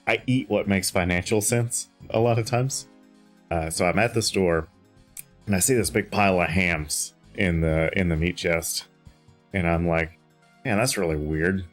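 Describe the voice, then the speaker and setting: A tired man streaming a game from home, chatting in a rambling way with lots of fillers and restarts. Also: sits low. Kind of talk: casual chat while gaming.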